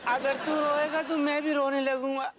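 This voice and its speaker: A man's voice: high-pitched, animated, unhurried, crowd noise, background noise. An actor playing a sentimental, joking man consoling his friend in a TV comedy.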